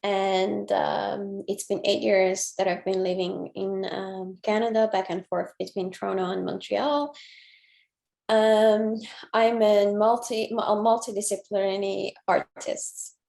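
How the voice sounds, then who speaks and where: Slow, gravelly-voiced young woman from Iran. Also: medium pitch, little pitch movement, a little mellow. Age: 20s. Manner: slow and measured, pauses often to find words. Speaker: featured artist. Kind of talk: online interview. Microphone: video call. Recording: roomy echo.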